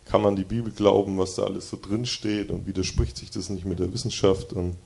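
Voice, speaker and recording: A man's voice: deep voice, little pitch movement, brisk, vocal fry, warm tone. A man giving a devotion in a church setting, reading Bible verses and talking earnestly and conversationally to his listeners. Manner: earnest, conversational, reads verses with more force. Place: church hall with slide projection.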